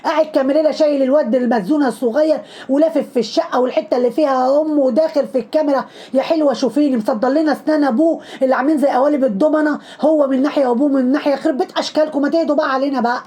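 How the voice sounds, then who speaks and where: A woman's voice: sits high, rapid-fire, mellow. A woman with an Egyptian accent, giving sarcastic commentary on trending videos, scolding and mocking with lots of repetition. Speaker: social media commentator.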